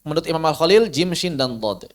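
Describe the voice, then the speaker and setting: High-voiced man teaching Quranic pronunciation. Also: animated. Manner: demonstrates letter sounds by repeating them slowly. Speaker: tajwid teacher. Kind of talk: recorded lesson on Quranic pronunciation.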